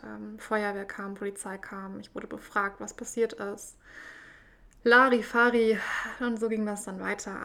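A woman telling a personal story in a reflective, measured way, with frequent pauses. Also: medium pitch, vocal fry, a bit bright.

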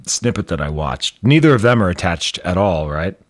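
A man in his thirties co-hosting a podcast, talking offhand with dry, dark humor. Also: sits low, sing-song, normal speed, no room sound. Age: 30s. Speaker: podcast co-host. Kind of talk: casual chat.

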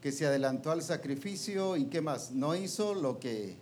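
A man's voice: fairly high pitch, animated, moderate pace, darkish tone. A man giving a sermon to a ministers' meeting, colloquial, often asking his listeners questions and ending phrases with "pues" and "¿va?". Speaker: preacher teaching a ministers' meeting. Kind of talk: interactive sermon.

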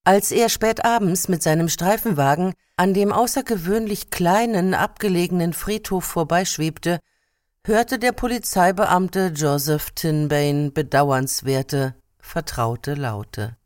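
A reader narrating an excerpt from a novel in a measured way. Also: medium pitch, no room sound, clean studio sound. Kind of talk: scripted narration.

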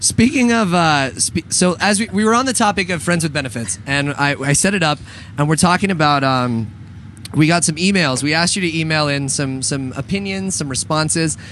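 A young male radio host chatting loosely, full of fillers and restarts, often breaking into laughs. His voice sits a little high. A faint noise floor hums under the recording. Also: animated, normal speed, a bit bright. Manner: rambling, laughing, joking. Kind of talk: casual banter on a talk show.

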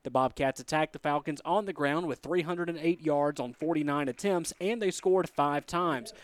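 Higher-voiced male sports broadcaster. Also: normal speed, dry recording. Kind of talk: pregame commentary with read headlines.

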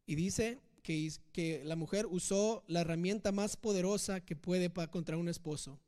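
A man's voice: sits high, normal speed, darkish tone. A man teaching from the Bible, telling the story casually and asking rhetorical questions. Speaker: preacher.

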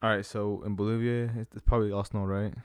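Low-voiced young man in slangy chat. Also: little pitch movement, quick pace, clear, resonant tone, dry recording, studio quality. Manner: slangy, questioning, reacting. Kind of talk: casual chat.

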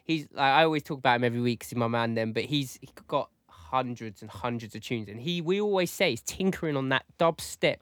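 A man's voice: medium pitch, fast, hardly any pauses, dry recording. Young guy chatting on a podcast, roadman slang, trips over repeats, dry close sound. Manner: London roadman slang, animated storytelling with stammered repeats. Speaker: podcast host. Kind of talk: casual chat with slang.

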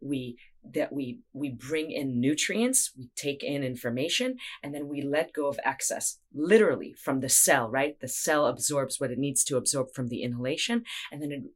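A woman's voice: a bass voice, moderate pace, few pauses, breathy edge. A woman in casual conversation, explaining ideas in a reflective, spiritual way.

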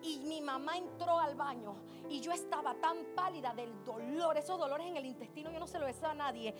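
High-voiced impassioned woman preacher. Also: brisk, over music. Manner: impassioned, swings from hushed to shouting. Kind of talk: sermon. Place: church service.

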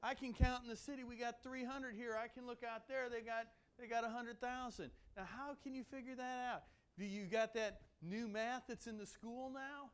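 A man's voice: very high-pitched, fairly even intonation, normal speed, hardly any pauses, clear, resonant tone, pitched above the performer's own voice. A preacher putting on the voice of an incredulous young male servant who mocks with slangy wisecracks. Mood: mocking disbelief.

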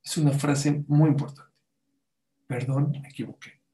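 A religious teacher gives a sermon-style talk, posing rhetorical questions to his audience and quoting Hebrew sources. His voice is a little high and warm, with fairly even intonation and a slightly slow pace, in a roomy-sounding space.

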